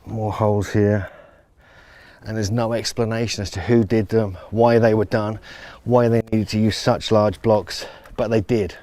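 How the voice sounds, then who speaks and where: A man's voice: lowish voice, little pitch movement, measured pace, dark tone, dry recording. A man recording handheld video as he walks through ancient temple ruins outdoors, describing the massive stones with enthusiasm. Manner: enthusiastic, marveling at size. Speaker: travel vlogger guiding viewers around ruins. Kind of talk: walking-tour commentary. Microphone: handheld camera without its stabilizer, filming himself.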